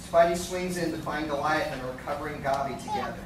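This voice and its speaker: Talking fast in a fairly high voice, a man reads the scripted stage directions as narrator of a live radio play. The setting is a large hotel conference room with a seated audience, recorded from afar on an audience camera, giving an echoey sound buried in loud crowd noise.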